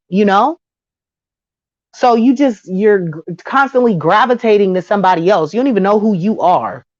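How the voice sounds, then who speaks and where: A woman in her thirties giving a blunt, slangy opinion monologue to camera, animated and quick to slip into mocking voices. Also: medium pitch, no room sound, lo-fi sound. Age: 30s. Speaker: vlogger.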